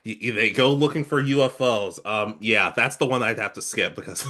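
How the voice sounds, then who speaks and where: A man's voice: fairly low pitch, fairly quick, sharp tone. A man co-hosting a casual podcast about anime, talking animatedly and acting out characters' lines as he recaps episodes. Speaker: podcast co-host.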